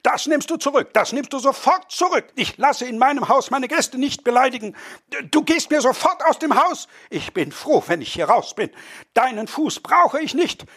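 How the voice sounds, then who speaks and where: A man's voice: high voice, sing-song, moderate pace, a bit bright, breathy edge, voice pushed up, exaggerated voice. A man voicing an irate middle-aged bourgeois host who scolds shrilly and indignantly. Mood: furious.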